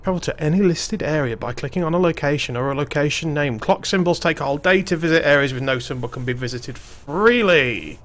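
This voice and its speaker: A man's voice: fairly high pitch, brisk, hardly any pauses, fairly bright tone. A man streaming a game, reading the on-screen text aloud and adding wry, jokey asides in a casual let's-play style.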